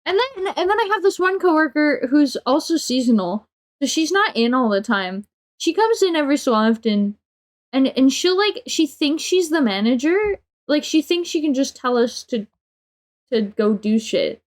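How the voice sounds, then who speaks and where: A woman's voice: sits high, very animated, normal speed. A young adult woman livestreamer telling a casual, exasperated story with lots of swearing and filler words.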